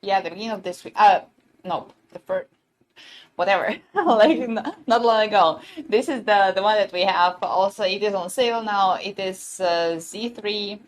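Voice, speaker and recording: A woman's voice: medium pitch, normal speed. Chatty giggly woman selling gadgets live. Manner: chatty, giggly, many fillers and restarts. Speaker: livestream seller. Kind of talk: casual live-stream product demo.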